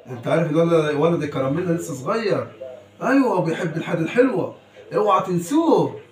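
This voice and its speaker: A man's voice: on the high side, lively intonation, quick pace, roomy sound, low-quality recording. A man, chatting with and teasing his small son, scolding playfully and laughing often. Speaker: father.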